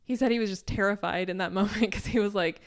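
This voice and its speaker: Chatty woman podcaster with a clear voice. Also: medium pitch, quick pace. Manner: chatty, laughs lightly mid-sentence, uses lots of "like". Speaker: podcast co-host. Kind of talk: casual chat.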